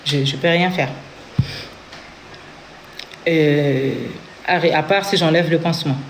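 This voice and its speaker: A woman's voice: deep voice, steady tone, slow, a little hiss or hum. Congolese woman giving an earnest testimony. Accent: Congolese French. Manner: earnest storytelling, acting out what others said. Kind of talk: personal testimony.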